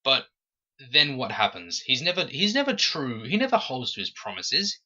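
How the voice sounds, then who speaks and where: A man hosting a casual fan podcast, talking in an animated, critical way and jumping high when he acts out quotes. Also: normal speed, muffled recording. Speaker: podcast host.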